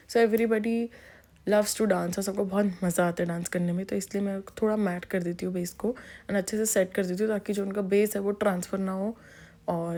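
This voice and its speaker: Casting: Indian woman, makeup artist, casual tutorial voice-over, mid-pitched, chatty with filler ums. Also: a little mellow. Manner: chatty Hindi-English mix, frequent ums and restarts.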